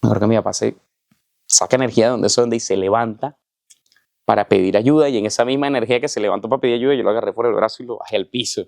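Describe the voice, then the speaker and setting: A man's voice: lowish voice, very fast, vocal fry, a little mellow, no room sound, studio quality. A man giving a personal faith testimony, telling his story with emotion and acting out the voices in it. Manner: emotional storytelling, with vivid reenactment of dialogue. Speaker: testimony speaker.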